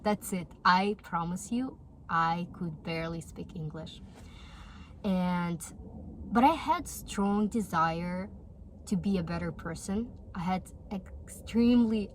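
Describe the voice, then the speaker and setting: A Russian woman in her twenties, a native Russian speaker with a Russian accent, talks casually to the camera as a vlogger, earnest and encouraging. Her voice is mid-range and a little mellow, with a slight hiss or hum in the audio.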